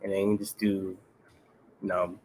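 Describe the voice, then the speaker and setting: A young man with a somewhat low voice talks through a coding problem step by step. His manner is laid-back and patient, like a casual pair-programming session at home. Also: little pitch movement, slow, over a noisy crowd. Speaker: interview candidate studying coding.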